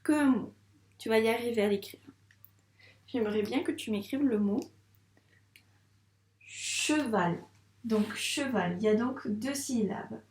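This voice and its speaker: A woman teacher with a French accent, slowly and patiently sounding out syllables in a dictation lesson for a young child. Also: a little high, a little mellow. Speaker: first-grade teacher. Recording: echoey room sound.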